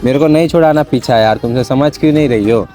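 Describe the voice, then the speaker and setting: A young man running a prank vlog, pleading and coaxing, repeating his words to calm someone down. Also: mid-range voice, fast talker, soft background music. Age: young adult. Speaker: prank vlogger. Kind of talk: casual prank vlog argument.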